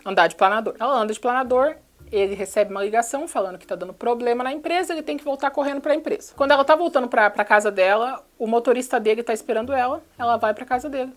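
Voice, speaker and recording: Fast-talking sarcastic Brazilian woman. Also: fairly high pitch. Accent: Brazilian Portuguese. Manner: sarcastic, rapid storytelling. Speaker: channel host. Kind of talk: casual film recap.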